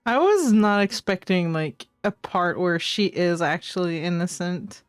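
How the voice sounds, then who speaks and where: A woman's voice: fairly low pitch, expressive, measured pace, clear, resonant tone, no room sound. Brief: chatty giggly female streamer, dry close mic, faint lofi music underneath. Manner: giggly, chatty, reacts out loud. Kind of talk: let's-play commentary.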